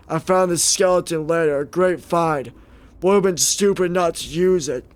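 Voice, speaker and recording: A man doing a gruff folksy old space traveler. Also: a little high, lightly acted. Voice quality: rough strained old-man voice. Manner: drawling, folksy storytelling. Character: gruff old male space explorer storyteller.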